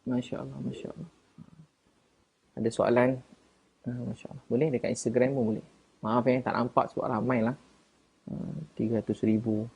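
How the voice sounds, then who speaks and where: A man with a Malaysian Malay accent, chatting casually on a live stream as he answers viewers and defends himself, getting louder and higher at times. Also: level tone, normal speed, creaky, pauses often, slightly rough.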